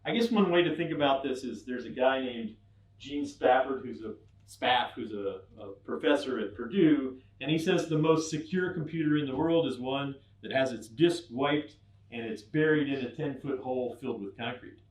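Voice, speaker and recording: A man's voice: medium pitch, normal speed, a little mellow. Wry middle-aged man speaking in an echoey room. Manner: wry, acts out mock dialogues. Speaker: conference speaker. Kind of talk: humorous technical talk. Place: event room with an audience. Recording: echoey room, mic at a distance.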